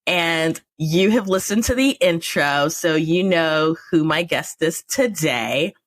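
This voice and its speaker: Brief: woman podcast host with a deep voice, chatty, quick to laugh. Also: animated. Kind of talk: casual podcast interview.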